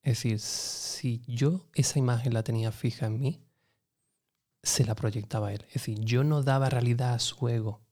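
Guy from telling his story, earnest and lively, mellow warm voice. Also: medium pitch, moderate pace. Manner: earnest, lively, acts out dialogue. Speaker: interview guest. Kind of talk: animated personal storytelling.

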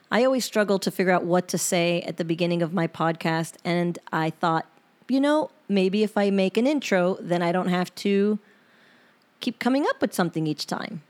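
A woman's voice: fairly low pitch, darkish tone. A woman hosting her own podcast who reads a personal journal entry aloud, candid and emotional, with angry outbursts. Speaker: podcast host.

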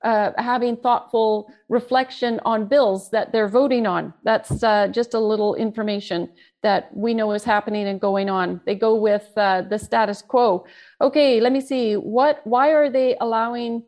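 A woman's voice: a little high, fairly even intonation, moderate pace, darkish tone. A woman hosting a political talk show, encouraging listeners with frequent fillers between her points. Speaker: host.

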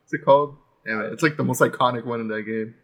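A man's voice: medium pitch, fairly even intonation, fast talker, fairly bright tone. A man co-hosting a casual podcast, easygoing and chuckling as he steers the chat. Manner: easygoing, chuckling, drifts between topics. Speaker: podcast co-host.

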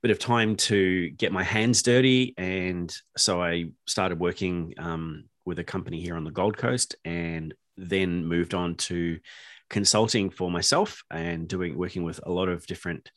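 A middle-aged man from New Zealand appears as a podcast guest in a casual interview chat, relaxed, laughing easily and restarting sentences. He has a low voice and a measured pace, with no echo.

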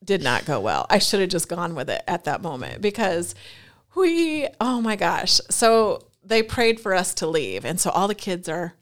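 A middle-aged woman telling a personal story in an interview, animated and laughing between quick asides. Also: fairly low pitch. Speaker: guest.

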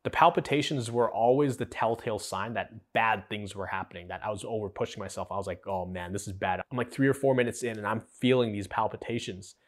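Lowish-voiced young man telling a personal story. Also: a little fast, few pauses. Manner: conversational, earnest, acts out quoted dialogue. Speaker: podcast host.

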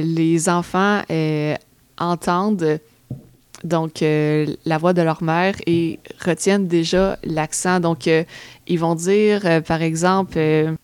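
A woman's voice: on the low side, darkish tone, clean tone, dry recording. A woman with a Québécois French accent explaining facts in a casual chat, hesitant, with many fillers.

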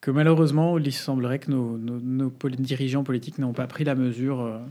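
A man's voice: medium pitch, fairly even intonation, fast talker, dark tone. A man co-hosting a podcast, presenting news items casually with fillers and restarts. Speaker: podcast co-host.

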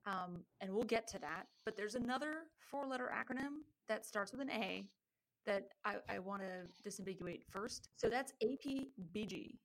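A woman's voice: mid-range voice, moderate pace, low-quality recording. A woman co-hosting a podcast in casual chat, playful with joking asides. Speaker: podcast co-host.

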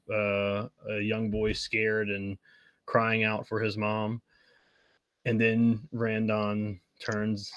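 A man narrating as game master, describing scenes in a halting way with fillers. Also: on the low side, fairly bright tone, no echo.

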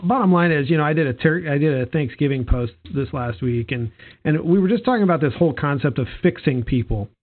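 A man's voice: a little high, animated, fast talker. A man co-hosting a casual chat podcast, rambling and joking, often restarting his sentences. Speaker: podcast co-host. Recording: tinny phone-like sound.

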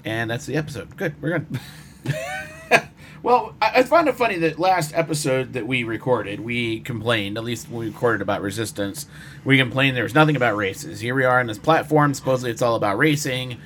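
A man's voice: mid-range voice, big pitch swings, fairly quick, a bit bright, a little hiss or hum. Man hosting a casual review podcast. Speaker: podcast host. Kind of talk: casual episode review chat.

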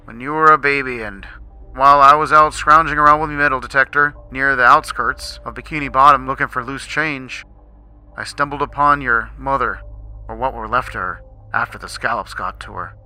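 A man voicing Mr. Krabs, a gruff older male crab who talks like an old sailor and stammers in sorrow. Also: mid-range voice, fairly even intonation, moderate pace, sharp tone, soft background music. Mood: sorrowful. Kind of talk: fan creepypasta reading.

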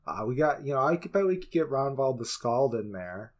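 A man's voice: medium pitch, very animated, a little fast. A man co-hosting a casual movie review podcast, easygoing and agreeable, with stammering restarts. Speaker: podcast co-host.

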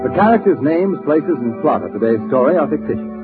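A man's voice: a little high, sing-song, a little fast. An American man announcing in the dramatic, formal, scripted style of 1940s radio. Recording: muffled old radio recording, faint music behind.

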